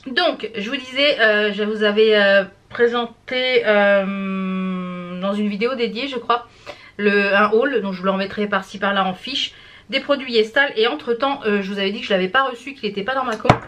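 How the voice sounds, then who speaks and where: A woman vlogging casually to camera, hoarse and out of breath, chatty and full of hesitant fillers. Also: medium pitch, moderate pace, a bit bright, a little hiss or hum. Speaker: beauty vlogger. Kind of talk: casual vlog chat to camera.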